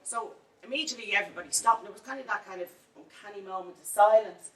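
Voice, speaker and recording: A woman with a Dublin accent tells her story to a panel audience and builds into open indignation. Her voice is bright and carries, but it is heard from a distance in a large echoey hall. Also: mid-range voice, quick pace, slight background noise. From Ireland. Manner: indignant, storytelling, rising to anger. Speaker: local campaigner on a panel. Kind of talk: impassioned panel talk.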